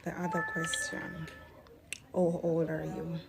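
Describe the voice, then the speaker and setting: A woman's voice: low voice, monotone, unhurried, gravelly, music in the background. A Jamaican woman in her thirties chatting casually through a Q&A vlog, slipping into patois now and then. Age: 30s. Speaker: vlogger.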